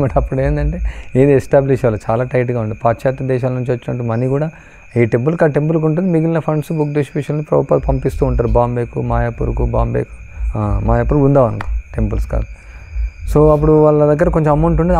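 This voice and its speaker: A man giving a storytelling devotional talk, mixing in English phrases and pausing with frequent fillers. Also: medium pitch, creaky, warm tone. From Andhra Pradesh. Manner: anecdotal, mixes English phrases, many fillers. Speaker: devotional speaker.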